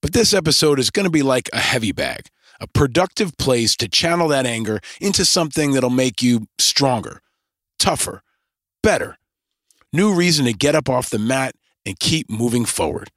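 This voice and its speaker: A man's voice: mid-range voice, expressive, normal speed, fairly bright tone, dry recording, studio quality. Punchy man hosting a podcast. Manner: punchy, builds lists into rallying rhetoric. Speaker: podcast host. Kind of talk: scripted podcast monologue.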